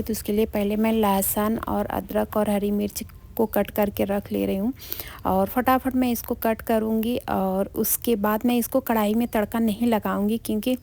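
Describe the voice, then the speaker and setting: This morning vlog features a woman with a gravelly, mid-range voice chatting as she cooks, cleans her kitchen and walks outdoors. Casual and chatty, she guides viewers through her chores, speaking quietly at times for the neighbours' sake.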